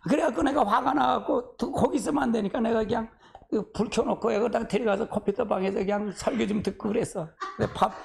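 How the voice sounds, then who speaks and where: This pastor preaches a sermon in an extremely high, gravelly voice, talking fast. His style is chatty and homespun; he sighs often and keeps asking the congregation to answer back.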